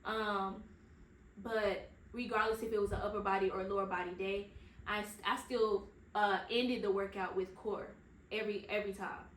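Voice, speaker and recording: A woman's voice: medium pitch, normal speed, slight background noise. Chatty woman in her thirties, echoey room. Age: 30s. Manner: chatty and animated, slangy asides to listeners. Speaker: podcast host. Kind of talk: casual storytelling.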